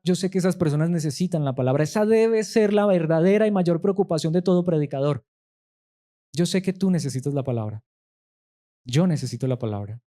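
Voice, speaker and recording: A man's voice: a little high, dark tone. A man pastor, preaching a sermon emphatically and asking his listeners rhetorical questions.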